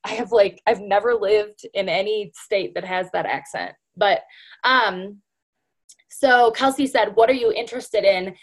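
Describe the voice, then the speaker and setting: A woman trains her sales team with a casual pep talk, her medium-pitched voice unhurried. She's chatty, sprinkling in lots of "like" and "you know," and keeps addressing her listeners as "you guys."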